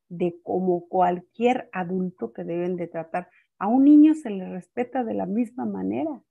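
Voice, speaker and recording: A woman's voice: mid-range voice, gravelly, a little mellow. An older woman teaching a family class, telling stories unhurriedly and often repeating words as she checks in with her listeners. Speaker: family-school speaker. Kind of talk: teaching talk with personal stories.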